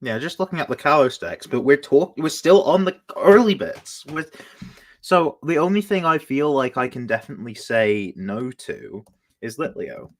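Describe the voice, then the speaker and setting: A man talks casually to his stream audience in a mid-pitched voice. He often stops and restarts his sentences while he thinks aloud. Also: animated, normal speed, fairly bright tone. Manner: chatty and hesitant, restarting sentences. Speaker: streamer host. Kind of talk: casual live-stream chat.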